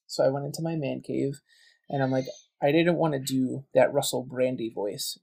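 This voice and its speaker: Gravelly, flat-toned man in casual talk. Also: medium pitch, moderate pace. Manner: chatty, tells stories with quoted dialogue. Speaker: guest, game writer and voice actor. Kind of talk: casual podcast chat.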